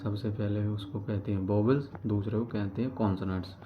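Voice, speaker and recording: A man's voice: on the low side, fairly even intonation, brisk. A man teaching a grammar lesson, explaining step by step, repeating key terms and answering his own questions. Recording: dull lo-fi recording with background noise.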